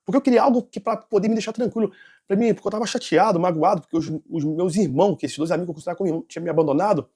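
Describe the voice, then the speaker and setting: High, fast-talking nervous man. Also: dark tone, slightly rough. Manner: rambling, with restarts and self-corrections. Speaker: interview guest giving a testimony. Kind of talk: personal testimony storytelling.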